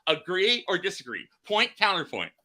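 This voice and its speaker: A man's voice: sits high, huge pitch swings, normal speed, sharp tone. A man hosting a casual podcast chat, rambling and restarting his phrases. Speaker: podcast host.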